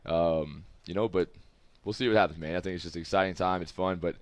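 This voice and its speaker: He has a deep, steady voice and speaks at a quick pace, with no echo on the recording. He's an American football player in his twenties, easygoing and rambling as a guest in a casual studio interview with several people around.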